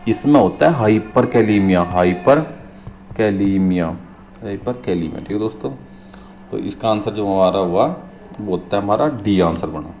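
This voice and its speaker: A man with a low, mellow voice works through nursing exam questions. He reads the English question slowly, then explains it in Hindi, repeating key terms and checking in with viewers as friends. A faint hiss sits under the recording. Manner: addresses viewers as friends, frequent "theek hai" check-ins.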